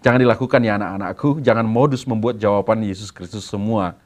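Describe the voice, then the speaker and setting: A man with an Indonesian accent, a pastor giving a sermon to students and telling stories with a playful, lively manner. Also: on the low side, fast talker. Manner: lively storytelling with acted quotes.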